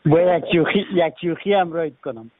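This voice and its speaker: A man hosting an interview, asking questions in a friendly, playful way. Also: fairly high pitch. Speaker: interview host. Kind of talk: casual interview talk. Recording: tinny phone-like line.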